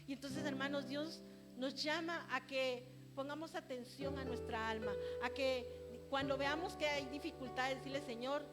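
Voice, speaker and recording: A woman with a Guatemalan Spanish accent preaching a sermon, earnest and exhorting, slowing down to stress her points. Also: high-pitched, fairly even intonation. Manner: earnest, exhorting, slows for emphasis. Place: church. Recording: church livestream with music behind. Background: instrumental music.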